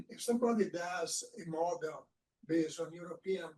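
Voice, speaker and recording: A man's voice: a little high, a little slow, dark tone, recorded from a distance, poor audio. A man in the audience asking a long, rambling question at a live panel.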